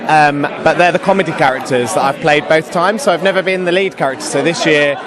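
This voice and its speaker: Young british guy gushing away in a chatty interview, voice a bit high, people chattering around him. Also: a little fast, crowd noise. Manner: enthusiastic, gushing. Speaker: pantomime actor and singer. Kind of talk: casual interview chat.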